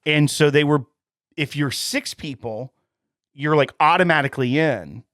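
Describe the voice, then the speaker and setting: With a fairly high, fairly bright voice, this male podcast co-host speaks at a moderate pace. He's a chatty storyteller who spins long tales about his family and laughs frequently, all in clean studio sound with no room sound.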